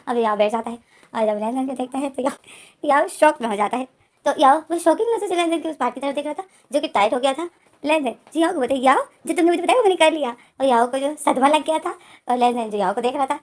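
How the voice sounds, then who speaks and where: Fast-talking woman retelling a story. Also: a little high. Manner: repetitive, run-on narration.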